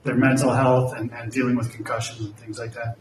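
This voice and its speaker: A man's voice: mid-range voice, flat delivery, a little fast. A man working as a reporter puts a casual, rambling question at a press conference. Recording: echoey room, distant mic, faint noise.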